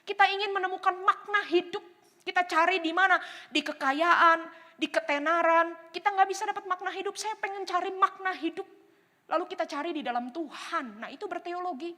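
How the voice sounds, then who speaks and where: A woman teaching a theology class to a congregation, animated and full of rhetorical questions. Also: very high-pitched, brisk. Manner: animated, rhetorical questions, acts out quoted inner voices. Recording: long hall reverb.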